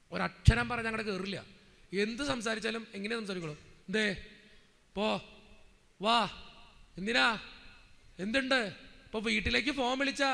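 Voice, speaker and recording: A high-pitched, gravelly male preacher with a bright, sharp edge to his voice. He preaches in a chatty, storytelling way, acting out family dialogue with humor, and his voice carries a long reverb, as if in a large hall. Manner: storytelling with lively quoted dialogue, conversational and humorous. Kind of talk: sermon.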